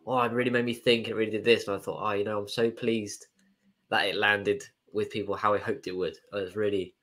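A preacher with a cold talks easily on a church podcast, rambling a bit and poking fun at himself. His voice sits low and slightly stuffy. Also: a little fast. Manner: relaxed, self-deprecating, rambling. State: has a cold. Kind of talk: casual live-stream chat.

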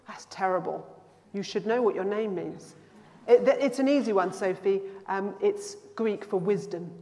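A woman priest preaching a conversational sermon at a pulpit microphone and quizzing the congregation. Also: on the high side. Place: large church. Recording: long church reverb.

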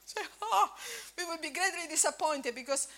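Very high-pitched and sharp in tone, her voice has lively intonation and moves at normal speed. She is an Italian woman in her fifties who speaks Italian natively, with an accent carrying a hint of Scottish, delivering an informal church breakfast sermon with many fillers and restarts.

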